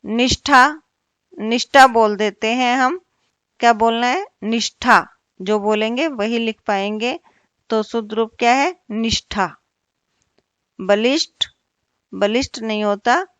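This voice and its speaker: A woman teacher giving an online Hindi grammar lesson, repeating each word slowly and asking the class questions. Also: a little high, dry recording, muffled recording.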